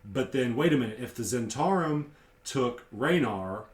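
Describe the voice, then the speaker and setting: A man of average pitch speaks as a game master in casual conversation. He retells a tabletop session step by step, in an explanatory way. The room around his voice is noticeably echoey. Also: lively intonation, normal speed.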